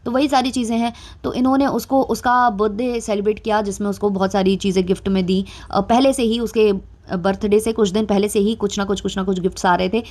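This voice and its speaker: A woman's voice: medium pitch, steady tone, fairly quick, darkish tone. A young adult woman talking through gossip commentary in a chatty way, with frequent filler sounds and a mildly sarcastic edge. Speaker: commentary vlogger.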